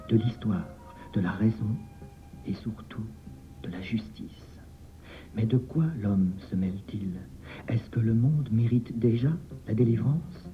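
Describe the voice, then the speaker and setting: A man narrates a story in a measured, dramatic way, his voice at a middling pitch. The sound is thin and phone-like, with faint music underneath.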